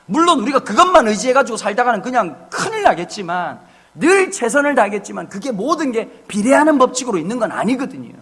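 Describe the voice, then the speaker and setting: Middle-aged pastor, husky, high and animated, preaching with playful family anecdotes. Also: male voice, fast talker. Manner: humorous, animated storytelling with acted family quotes. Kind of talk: sermon. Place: church sanctuary.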